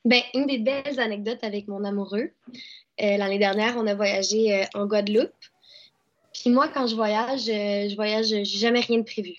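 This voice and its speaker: A woman's voice: medium pitch, fairly even intonation, moderate pace. A young woman with a Québécois accent, an actress and dubbing artist, chatting casually in an interview with lots of fillers and restarts. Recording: dull lo-fi sound.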